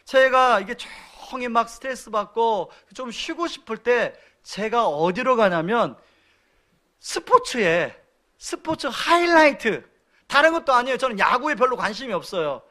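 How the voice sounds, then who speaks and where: A man's voice: very high-pitched, expressive, measured pace, bright, forceful tone. A man in his forties, a pastor giving a conversational sermon with personal stories and questions to the congregation.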